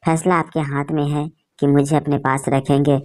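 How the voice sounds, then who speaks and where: A woman voicing a loving older sister who reassures her sibling gently. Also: low voice, level tone, normal speed, lightly acted. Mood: reassuring.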